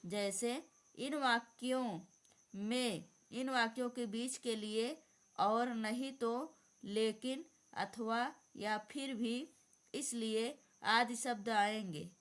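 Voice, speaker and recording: A woman's voice: on the high side, slow pace. A woman teacher giving an exam-prep grammar lesson, dictating definitions and repeating them.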